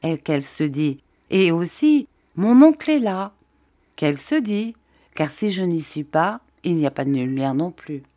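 A woman's voice: lowish voice, very animated, unhurried, warm tone. A woman doing a hearty old fisherman. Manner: cordial, talkative, enthusiastic.

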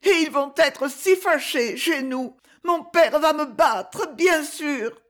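A woman's voice: high voice, takes it slowly, voice pushed up. A woman voicing a frightened little peasant boy who stammers and pleads through his tears. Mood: tearful pleading.

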